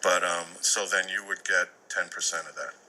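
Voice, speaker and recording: A man interviewing as a public radio host, casual and halting, thinking aloud as he asks his questions. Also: low voice, steady tone, pushed and bright, a little hiss or hum, low-quality recording.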